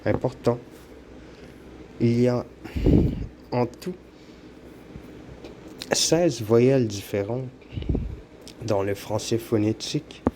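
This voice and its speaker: A man with a Quebec French accent giving a slow, measured scripted narration for an educational lesson. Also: mid-range voice, background noise. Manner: slow, measured explanatory reading.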